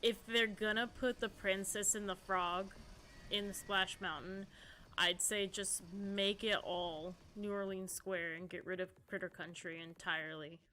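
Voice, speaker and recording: A woman's voice: mid-range voice, steady tone, unhurried, bright, forceful tone. A woman in her thirties chatting casually on a live stream, answering viewers in a rambling, chatty way. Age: 30s. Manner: chatty, rambling, reading chat aloud.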